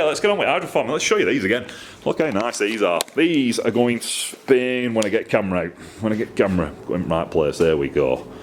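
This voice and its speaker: A middle-aged man who makes motorcycle exhausts speaks in a fairly low voice, chatty and enthusiastic, rambling a bit and making fun of himself. He's recording indoors in his own workshop, where a faint hum runs in the background.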